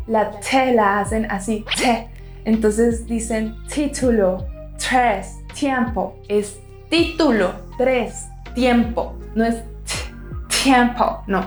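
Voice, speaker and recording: A woman teaching a Spanish lesson, slowly demonstrating pronunciation and repeating example words. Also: fairly high pitch, a little mellow, echoey room. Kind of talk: online language lesson.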